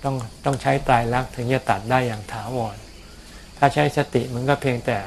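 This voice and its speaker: A man, a Buddhist monk, answering questions about practice in a calm, explanatory way, often repeating words. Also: mid-range voice, a little fast, slight background noise. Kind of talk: casual dharma Q&A. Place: outdoors on a mountain.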